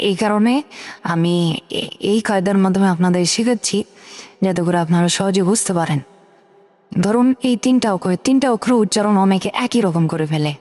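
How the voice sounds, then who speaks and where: Patient female teacher, middle pitch, repetitive drilling delivery, reverberant hall sound. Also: a little mellow. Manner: patient, repeats letter sounds slowly and drills. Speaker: Quran reading teacher. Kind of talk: step-by-step recitation lesson.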